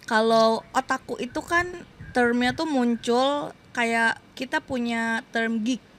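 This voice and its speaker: A woman's voice: fairly high pitch, fairly even intonation, takes it slowly. A woman in her thirties, a podcast guest, chatting casually and acting out the voices of people in her stories, laughing often.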